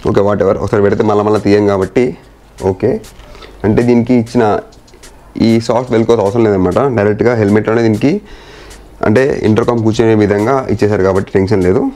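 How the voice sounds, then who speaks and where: A man with a lowish, dark, steady voice talks fast as a motorcycle vlogger. His casual installation walkthrough is hands-on and mixes in English words and phrases.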